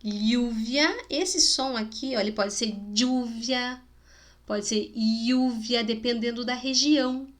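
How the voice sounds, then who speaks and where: A woman with a Spanish-speaking accent teaches schoolchildren in a video lesson, her voice somewhat high and a bit bright, at normal speed with hardly any pauses. She explains patiently, sounds out example words, and checks in with "né?" and "tá bom?".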